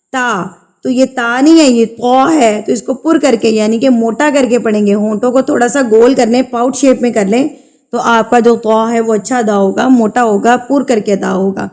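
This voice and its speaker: A woman teaching Quran recitation, chanting verses slowly and drawn out, then explaining the rules quickly and patiently, repeating key terms. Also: a little high, a little mellow. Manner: patient instructional tone, repeats rule names. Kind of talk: tajweed lesson, slow drawn-out recitation with quick explanations in between.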